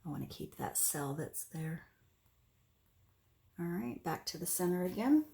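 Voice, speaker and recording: A woman casually talking through a hands-on craft demonstration step by step, in an unhurried way. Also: fairly low pitch, animated, vocal fry, mellow. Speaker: host of an acrylic pour painting tutorial. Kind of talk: casual craft demonstration, narrating as they work.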